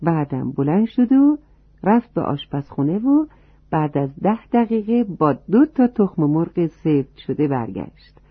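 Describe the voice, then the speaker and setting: Very animated and husky, this medium-pitched narrator tells children a storybook tale and talks to them directly in a warm way. There's no room sound, just a dry, tinny, phone-like recording.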